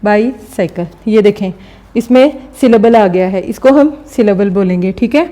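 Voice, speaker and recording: Patient woman teacher, mellow voice. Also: mid-range voice, normal speed. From Pakistan. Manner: explains step by step, repeats "ठीक है" often. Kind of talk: recorded classroom lecture.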